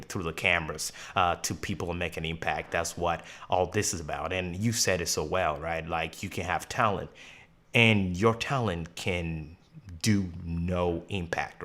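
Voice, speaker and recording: Male livestream host with a very low voice, courteous and supportive. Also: a bit bright. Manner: polite, encouraging, says "yes, sir". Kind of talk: livestream interview.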